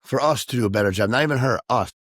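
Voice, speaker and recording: A man co-hosting a podcast, talking candidly and emotionally about his own past behavior, halting and self-reflective. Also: mid-range voice, a bit bright, no echo, studio quality. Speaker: podcast co-host. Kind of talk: candid personal conversation.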